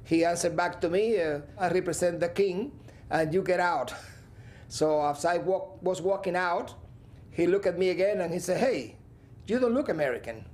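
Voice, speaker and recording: High-voiced Cuban-born man telling a story. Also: moderate pace. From Cuba. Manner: animated storytelling, acts out quoted dialogue. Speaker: air crash investigator. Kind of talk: interview recollection.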